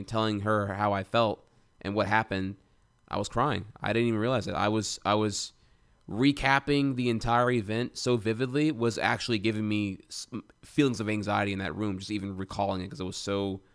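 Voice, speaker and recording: A man's voice: lowish voice, steady tone, a little fast, fairly bright tone, clean tone. Candid young man telling a personal story. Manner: candid, rambling, with frequent swearing and restarts. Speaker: streamer.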